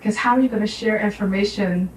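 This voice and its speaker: A middle-aged American woman, a sociology professor, gives an informal public talk to a community audience in a medium-pitched, darkish voice with fairly even intonation and a quick pace. She is emphatic and instructive, checking in with her listeners. A distant mic in a roomy live space picks up faint background noise.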